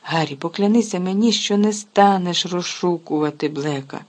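Reader doing an earnest worried father, husky. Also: moderate pace, close to an everyday voice. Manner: earnest, low and hushed.

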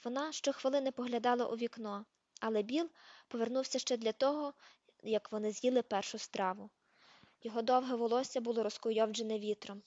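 A woman narrating an amateur audiobook, steady reading that even includes page numbers. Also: a little high, brisk, no echo, highs cut off. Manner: reads page numbers aloud. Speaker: audiobook reader.

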